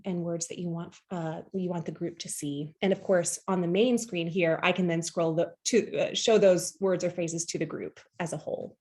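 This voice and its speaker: A woman in her thirties with a medium-pitched voice runs an online poetry workshop from a home room lined with bookshelves, speaking through an earbud headset on a video call. As facilitator, she teaches gently and encouragingly, with frequent ums and restarts.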